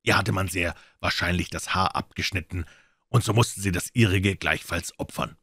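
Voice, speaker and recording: A man calmly narrating a classic detective story as an audiobook reader. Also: low-pitched, moderate pace, gravelly, husky, no room sound, studio quality. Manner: calm storytelling reading. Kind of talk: scripted narration.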